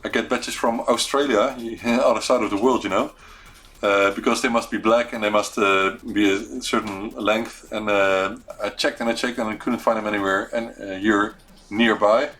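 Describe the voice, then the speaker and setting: A man's voice: on the low side, fairly even intonation, normal speed, fairly bright tone. A man with a Dutch accent hosting an unscripted livestream chat, hesitant and searching for words as he talks. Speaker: host of a weekly retro computing live show.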